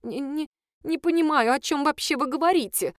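A woman voicing a plump, nosy female accountant who speaks in a shrill, flustered and indignant way. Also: moderate pace, no echo, clean studio sound, natural voice. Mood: frightened.

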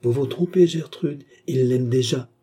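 A man's voice: medium pitch, a little slow, slightly rough. A man reading the lines of a kindly, reassuring old former hussar captain. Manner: gentle, reassuring.

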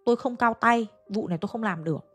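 A woman's voice: fairly high pitch, fast, fairly bright tone, breathy edge, faint music behind. Lady playing a scared village medium woman backing out, pleading tone.

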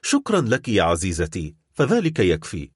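A man reading an audiobook, voicing a desperate young man in love, speaking gravely and with resolve. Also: deep voice, wildly swooping pitch, moderate pace, no echo, clean studio sound, full character voice. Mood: urgent.

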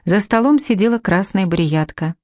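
A woman narrating an audiobook in a measured, even reading. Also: medium pitch, no room sound, clean studio sound.

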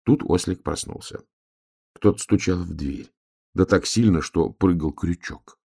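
A man narrating a children's fairy tale in a calm, measured and expressive reading. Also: low voice, creaky, husky. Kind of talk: storybook reading.

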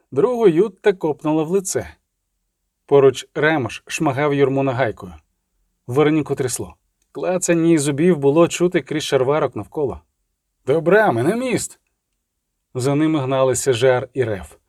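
A man narrates an audiobook in a steady, measured dramatic manner. His voice sits a little higher than most men's. The sound is close and dry, with no room echo.

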